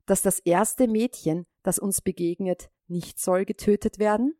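A woman doing a calm young brother. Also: medium pitch, unhurried, no echo, studio quality, close to an everyday voice. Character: youngest brother, a kind boy.

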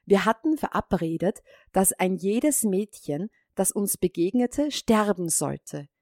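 A woman doing a calm young brother. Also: mid-range voice, slow pace, dry recording, clean studio sound. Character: youngest brother, a kind boy.

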